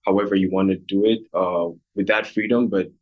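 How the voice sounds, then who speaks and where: A young man from Rwanda talks through a podcast interview in a very low voice. His delivery stays flat and even, and he pauses on fillers and restarts as he thinks each answer through. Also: highs cut off. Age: young adult. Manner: thoughtful, with many fillers and restarts. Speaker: guest, recent graduate.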